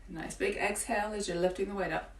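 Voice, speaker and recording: A woman fitness coach leading a home workout, encouraging and cueing breaths, with a morning croaky voice. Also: medium pitch, fairly even intonation, quick pace. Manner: encouraging, counting through exercises. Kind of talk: guided home workout instruction. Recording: roomy, from a distance with faint ambience.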